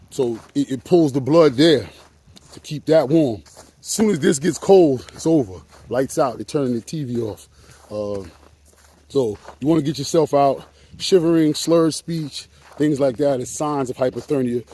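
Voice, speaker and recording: A man of middle pitch vlogs outdoors in the winter cold, talking casually in slang to his camera. He sounds a little out of breath, and faint background noise rides under his voice. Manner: slangy, excitable, chatty. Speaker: vlogger. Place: outdoors on a frozen lake in winter.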